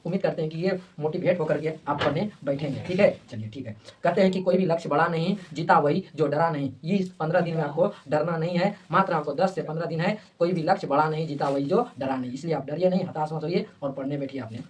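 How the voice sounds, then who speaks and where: A man's voice: fairly high pitch, fast talker, hardly any pauses, distant mic. A male teacher gives a motivational study lesson, repeating points and asking and answering his own questions.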